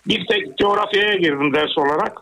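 A man in his fifties calling in, heard over a telephone line, talking earnestly and plainly, sometimes halting. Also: high-pitched, bright, forceful tone. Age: 50s. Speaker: caller. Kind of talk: casual phone call to a radio show.

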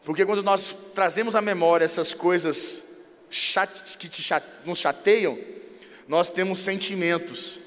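A man with a Brazilian Portuguese accent giving an informal sermon on marriage, telling stories lively and acting out dialogues. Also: sits high, a little slow, in a large hall. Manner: lively storyteller who acts out dialogues.

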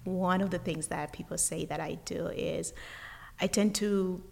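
Woman from uganda chatting in an interview, low gravelly voice, lots of energy, restarts a lot, long reverb around her. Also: unhurried, slight background noise. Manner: energetic, thoughtful, many restarts. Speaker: guest. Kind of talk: casual interview chat.

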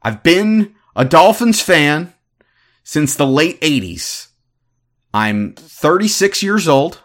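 A man in his thirties giving opinionated sports commentary as a podcast host, ranting in an animated, exasperated way. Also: fairly high pitch, slow. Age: 30s.

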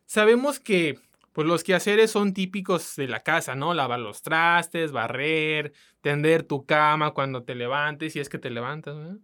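A woman's voice: sits low, measured pace, fairly bright tone. A woman from Mexico with a coastal accent, co-hosting a casual podcast in a colloquial, chatty way that speaks straight to listeners. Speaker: podcast co-host.

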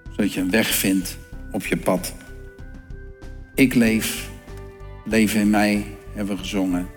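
A man preaching a sermon, unhurried, pausing often and dropping softly into spoken prayers. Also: fairly low pitch, long reverb tail. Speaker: pastor.

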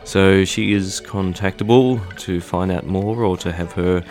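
Deep-voiced man hosting a podcast. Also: unhurried, soft background music. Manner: relaxed, conversational, with fillers. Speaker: podcast host. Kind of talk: casual spoken intro and interview. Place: recording studio.

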